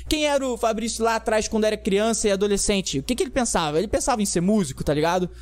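A young Brazilian man co-hosting a podcast in casual chat, with a slangy, excitable frat-bro way of talking. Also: sits high, racing. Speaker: podcast co-host.

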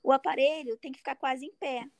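A woman in her thirties casually telling a personal story in an animated way, acting out her own cries and other people's words. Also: sits high, a little fast, no room sound. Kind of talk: casual chat.

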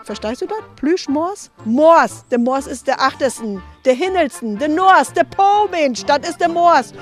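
A woman museum guide tells stories in a chatty way, tagging her lines with "ne?". Her voice sits high. Soft music plays faintly behind her. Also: animated, unhurried. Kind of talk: casual storytelling.

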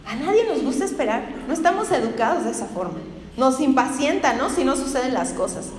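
A woman with a high voice preaches to her church in a relaxed, chatty way. She keeps tossing questions out to the congregation as she talks. Her voice rings through a hall with a long, lingering reverb. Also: fairly quick, a little hiss or hum. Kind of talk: conversational sermon.

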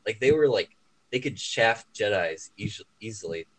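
A man's voice: lowish voice, expressive, moderate pace, low-quality recording. A young man chatting casually about movies, opinionated and sarcastic. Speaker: guest movie reviewer. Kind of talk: casual chat.

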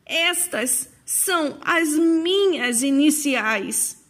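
A woman's voice: high voice, expressive, extremely slow, fairly bright tone, voice pushed up, full character voice. A woman voicing a nervous, trembling elderly woman who stammers in agitation. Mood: emotional.

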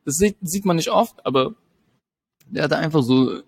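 A young man casually telling a story in slangy talk, animated and laughing often. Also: on the high side, moderate pace, husky, no room sound, clean studio sound.

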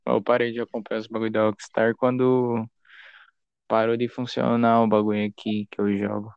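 A man's voice: fairly low pitch, level tone, moderate pace, vocal fry, smooth, dry recording, dull audio. A young man with a Brazilian Portuguese accent, chatting informally with slang and swearing. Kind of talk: casual chat.

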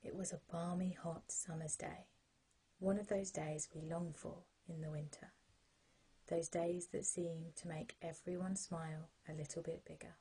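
Soft, husky British woman telling sleep stories. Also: lowish voice, poor audio. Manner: gentle, calming, unhurried guidance. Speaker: sleep story narrator. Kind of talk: soothing bedtime story narration for children.

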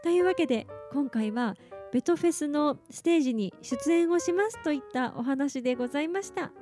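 Chatty, high-voiced Japanese woman podcaster. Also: fairly quick, faint music behind. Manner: chatty and animated, with frequent laughs and asides. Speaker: podcast host. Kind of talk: casual solo podcast talk.

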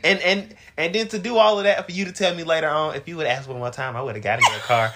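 A man's voice: fairly high pitch, quick pace, heavy background noise. A young man co-hosting a podcast, telling stories with lots of fillers and acting out what people said. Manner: animated storytelling, acting out quotes, lots of fillers. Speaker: podcast co-host. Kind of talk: casual chat.

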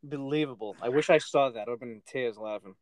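A man's voice: mid-range voice, fast, no room sound. A man co-hosting a casual podcast, teasing his partner and giving firm opinions on football. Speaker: podcast co-host. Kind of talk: casual podcast chat and sports talk.

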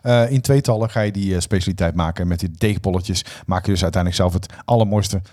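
A man's voice: fast, mellow. A man co-hosting a podcast, joking playfully and reading out plugs. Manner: playful, joking, jumps into high sing-song. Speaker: podcast co-host. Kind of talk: casual chat.

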